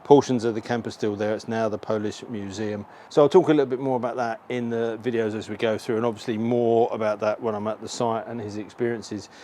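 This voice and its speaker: A man's voice: on the low side, fairly even intonation, a little fast, few pauses, dark tone. A middle-aged man casually talking through motorcycle gear as a vlogger, in an informal walkthrough to camera. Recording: clearly audible ambient background noise.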